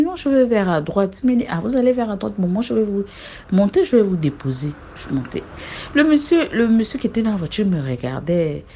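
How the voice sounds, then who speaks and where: A young woman with a Cameroonian French accent telling a personal story in casual spoken style, animated, with frequent restarts and sudden high exclamations.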